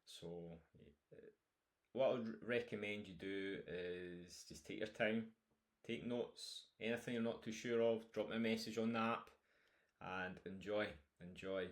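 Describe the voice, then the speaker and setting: A man's voice: lowish voice, fairly even intonation, measured pace. A man with a broad Scottish accent speaks as a coach, informally introducing a course and encouraging listeners directly. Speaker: health and nutrition coach presenting a course. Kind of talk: informal course introduction, talking through topics.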